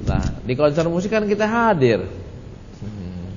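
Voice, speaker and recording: A man's voice: fairly high pitch, huge pitch swings, slow pace. Man teaching religion in an echoey hall. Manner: casual, joking, conversational teaching. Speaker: Islamic study teacher. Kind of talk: religious study talk answering questions. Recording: echoey hall, muffled lo-fi with faint hiss.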